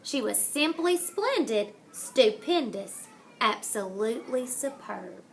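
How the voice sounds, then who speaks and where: A woman reading a children's picture book aloud in a dramatic, deliberate manner, savoring the rhymes and wordplay. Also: fairly high pitch, very animated, gravelly, slight background noise. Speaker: storybook reader.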